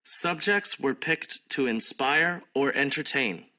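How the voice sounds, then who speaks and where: A man reading an English listening exam passage in a measured, scripted way. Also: mid-range voice, sharp tone. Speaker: exam audio reader.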